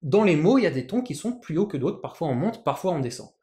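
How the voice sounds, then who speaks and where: A teacher walks through a language lesson with patience, repeating words and restarting phrases as they explain. The voice sits in a middling pitch. The recording carries a clear echo from the room. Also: very animated, fast, mellow. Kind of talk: explanatory lesson with written examples.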